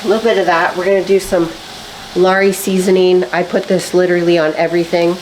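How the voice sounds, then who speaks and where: Talking fast in a fairly low, slightly mellow voice with little pitch movement, a woman fitness vlogger chats while cooking in her home kitchen. She's upbeat, full of fillers, and a bit stuffy and nasal after a cold. The rough recording carries a little hiss or hum over the faint sizzle of frying food.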